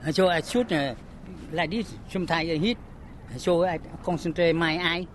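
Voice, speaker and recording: An older man from Vietnam with a Vietnamese accent, being interviewed in halting, simple broken English. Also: on the high side, a little hiss or hum. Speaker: amateur player being interviewed.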